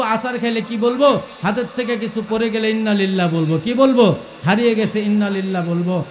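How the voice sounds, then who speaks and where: A man's voice: sits high, echoey room, highs cut off. A male preacher telling a story in a sermon, calling out questions to the crowd and breaking into melodic chanting.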